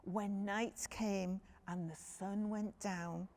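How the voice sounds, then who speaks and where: A children's storyteller reads a picture book to young children, phrasing things simply and addressing her listeners directly. Her mid-range, slightly mellow voice is fairly even in intonation and unhurried.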